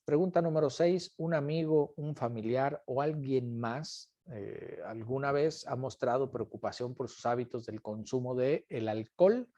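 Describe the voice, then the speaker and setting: A man's voice: medium pitch, measured pace, few pauses, warm tone, no echo. A man teaching an online class, patiently repeating each question and calling on students by name. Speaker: instructor.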